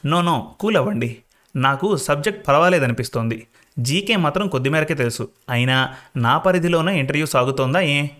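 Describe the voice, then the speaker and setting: A man voicing a calm, self-assured young male job candidate who speaks casually and easily. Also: a little high, fairly quick. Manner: easygoing, casual with English words.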